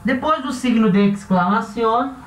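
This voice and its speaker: A man's voice: extremely high pitch, normal speed, a little hiss or hum. Brazilian guy explaining stuff casually, keeps asking ok?, sounds a bit far off in an echoey room. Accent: Brazilian Portuguese. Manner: relaxed, self-correcting, checks in with listeners. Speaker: language teacher.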